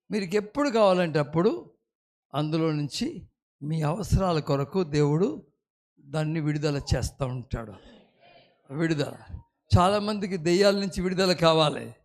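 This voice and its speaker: A pastor with a slightly high voice preaches a sermon, leading his congregation in call-and-response. He swings between quiet storytelling and loud exclamations.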